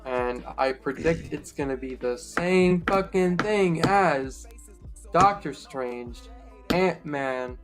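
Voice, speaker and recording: A man's voice: fairly high pitch, slow pace. A young man co-hosting a casual movie review chat, blunt, sarcastic and full of swearing. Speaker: co-host. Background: lo-fi music.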